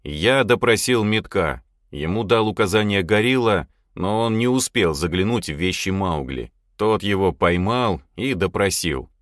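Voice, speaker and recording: A man's voice: sits low, lively intonation, a little slow, few pauses, a bit bright, no echo, studio quality. A man voicing a dutiful male sheriff who reports plainly to his boss.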